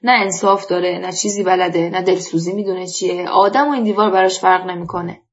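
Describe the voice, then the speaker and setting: A woman's voice: fairly low pitch, fairly even intonation, close to an everyday voice. A woman reading a story, voicing a talkative, hospitable older village man who speaks emphatically and airs his grievances. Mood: indignant. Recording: dull lo-fi recording.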